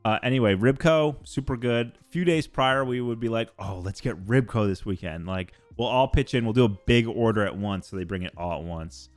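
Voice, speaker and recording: A young man chats casually on stream in a lowish voice, wandering from point to point with fillers and the odd curse. The mic is close and dry, with faint music underneath. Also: a little fast, hardly any pauses, no room sound. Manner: rambling, swears casually, many fillers. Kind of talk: casual chat.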